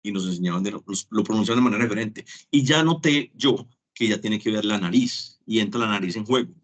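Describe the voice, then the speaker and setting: A brisk man with a fairly low voice teaches online through a web conference. Chatty throughout, he acts out brief dialogues as examples.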